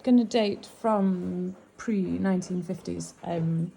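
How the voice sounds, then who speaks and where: Chatty northern English woman, gravelly voice. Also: lowish voice, slow, background noise. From England. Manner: chatty, musing aloud, fond of the items. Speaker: antiques seller. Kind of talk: casual narration while sorting antiques.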